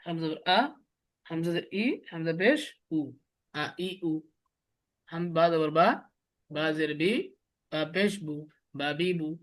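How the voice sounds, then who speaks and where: A man's voice: fairly high pitch, fairly even intonation, slow, pauses often, a bit bright. A man teaches a beginners' class on the Arabic alphabet. He drills the letter sounds one syllable at a time, repeats them often and keeps asking his students to say them back. His first language is Bengali. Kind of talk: classroom lesson with call-and-response drilling.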